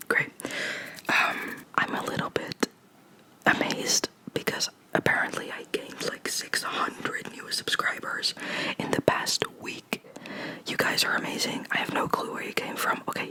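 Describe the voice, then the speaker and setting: An ASMR host whispering and speaking softly into a close microphone covered with a sock, rambling and giggly, often stumbling over words. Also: poor audio. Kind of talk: ASMR whispering and soft-spoken talk.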